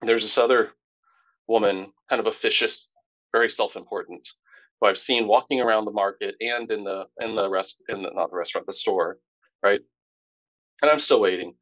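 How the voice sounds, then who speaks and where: Animated low-voiced man telling a story. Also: normal speed, dry recording, muffled recording. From Tampa, Florida. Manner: animated storyteller, rising pitch when indignant. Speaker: podcast co-host. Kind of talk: casual storytelling chat.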